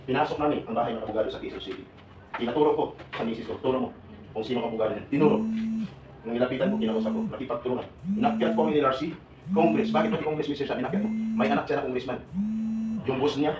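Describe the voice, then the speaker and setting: Older man, 70s, live seminar speaker, quick and joking, echoey hall recording. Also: mid-range voice, far from the mic, background noise. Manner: animated, joking, questioning the audience. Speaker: OFW advocate speaking to workers. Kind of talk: live seminar talk to a crowd. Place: large hall with an audience.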